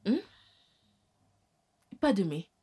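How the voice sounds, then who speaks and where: An actress in a French film dub playing a caring older aunt figure who soothes and advises a young mother. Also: extremely slow. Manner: soothing, repeats reassurances softly.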